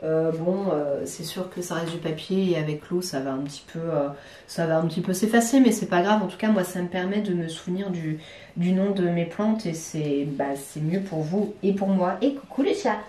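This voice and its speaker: A woman's voice: fairly low pitch, normal speed, mellow. Chatty woman in a roomy living room. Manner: chatty, hesitant, many fillers and restarts. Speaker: plant vlogger. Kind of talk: casual chat to camera. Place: living room at home among plants. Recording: roomy, from a distance.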